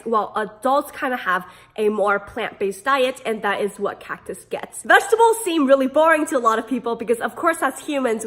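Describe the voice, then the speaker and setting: A woman hosting a casual pet care vlog, sick and hoarse with a smoker's rasp, talking in an animated, playful way. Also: fairly high pitch. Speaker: pet care video host.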